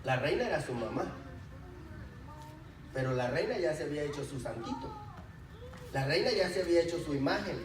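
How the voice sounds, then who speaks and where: A male pastor preaching a sermon, switching between loud declarations and quiet asides and drawing out words he wants to stress. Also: fairly high pitch, huge pitch swings, a little fast, pauses often, recorded from a distance. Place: church sanctuary. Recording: echoey room, voice from off-mic, faint background noise.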